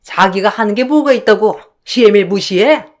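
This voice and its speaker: Scolding mother-in-law as a woman puts her on, lower than her usual voice, nagging with heavy sighs, radio story. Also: unhurried, close to an everyday voice. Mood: furious. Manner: yelling, nagging, sighing. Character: shrill scolding middle-aged mother-in-law, bossy and self-pitying.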